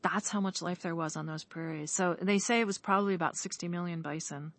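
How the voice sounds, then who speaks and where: A woman's voice: lowish voice, quick pace. A woman talking in an enthusiastic, rambling way, full of "like", in a casual outdoor conversation in the woods. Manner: enthusiastic, rambling, heavy use of "like". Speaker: guest on a podcast. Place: outdoors in woodland.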